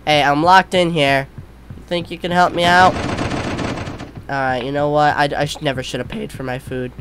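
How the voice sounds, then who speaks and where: A man doing jumpy, scared horror game commentary as a streamer, yelling and swearing freely. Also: on the high side, flat delivery, normal speed, noisy background. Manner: foul-mouthed. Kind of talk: let's play commentary.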